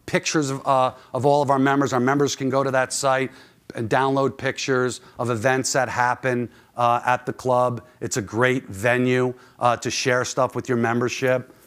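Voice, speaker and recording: A man's voice: medium pitch, flat delivery, normal speed, fairly bright tone. A man presenting informally to an audience as a conference speaker, conversational and often posing questions to listeners. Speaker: conference speaker, club manager.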